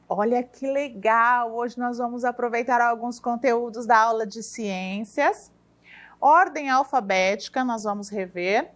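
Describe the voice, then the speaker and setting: A woman teacher with a Brazilian Portuguese accent leads a children's lesson at an unhurried pace. Her voice sits a bit high, and she draws out words and syllables patiently. She keeps checking in with a soft questioning "tá?". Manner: ends phrases with a questioning "tá?". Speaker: primary school teacher. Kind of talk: recorded classroom lesson for children.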